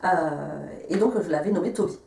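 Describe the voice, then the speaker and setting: A woman's voice: low voice, moderate pace, vocal fry, dark tone, distant mic. A woman telling a personal story in casual, rambling speech, full of hesitations and restarts. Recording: roomy echo, voice a bit off-mic.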